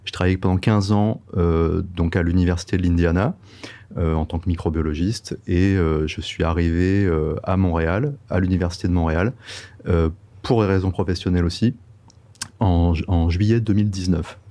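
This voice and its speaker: Middle-aged guy with a french accent, really low mellow voice, lots of pauses and restarts. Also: steady tone. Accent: French from France. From France. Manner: halting and thoughtful, many hesitations and restarts. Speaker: guest, microbiologist and breathing-method instructor. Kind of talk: conversational interview.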